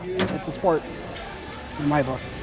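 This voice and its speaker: A man's voice: a little high, slow, a loud crowd. A man from the Brandon area who plays pool, giving short, plain answers with hesitations in a casual interview. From Brandon area, Manitoba. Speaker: pool player. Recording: music playing underneath.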